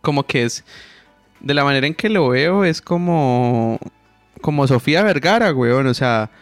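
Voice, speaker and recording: A man's voice: mid-range voice, animated, unhurried, dry recording, faint music behind. A man, co-hosting a podcast and speaking frankly in crude, joking slang. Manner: frank, crude, swearing, teasing. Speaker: podcast co-host, interpreter. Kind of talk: casual podcast chat.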